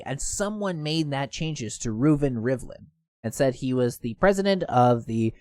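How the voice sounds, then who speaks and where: A man's voice: on the high side, no echo, studio quality. A man hosting casual online news commentary, reading posts aloud and stumbling now and then. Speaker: host.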